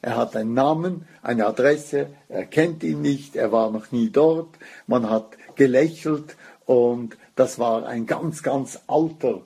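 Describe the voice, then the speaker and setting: A man telling a religious story as a lecture, unhurried and weaving Hebrew phrases into his talk. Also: mid-range voice, dark tone, slightly rough.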